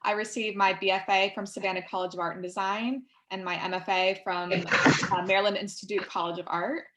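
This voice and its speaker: A woman's voice: mid-range voice, level tone, fairly quick, a bit bright. A woman artist and educator introducing herself on a video call in an upbeat way. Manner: upbeat, laughs easily. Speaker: artist and panelist.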